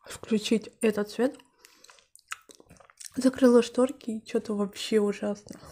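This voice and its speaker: A young woman talks through mouthfuls of food in a casual home eating vlog, her words muffled as she chews. Her voice sits a little high but has a soft, mellow tone. She drifts into relaxed, slangy chatter between bites. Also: a little slow. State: talking with mouth full. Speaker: mukbang vlogger. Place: room at home.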